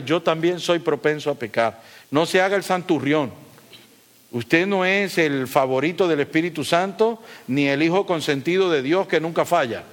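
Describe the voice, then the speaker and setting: Emphatic preaching man, high voice. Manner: emphatic preaching with rhetorical questions to the congregation; swings between loud high emphasis and low quiet asides. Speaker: pastor. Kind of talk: sermon.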